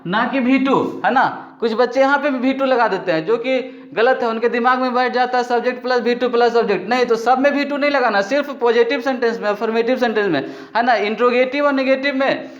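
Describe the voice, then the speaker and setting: A man's voice: very high voice, a bit bright. A man with an Indian accent, a Hindi speaker, teaching English grammar step by step and often checking with the listener. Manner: explains step by step with frequent "है ना" checks. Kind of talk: spoken grammar lesson. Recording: echoey, dull lo-fi room recording.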